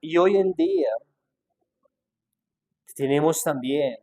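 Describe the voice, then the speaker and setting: Guy preaching a sermon, kinda high voice, keeps asking the crowd questions. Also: slow pace, darkish tone. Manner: acts out quoted objections in a changed voice; asks rhetorical questions. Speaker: pastor.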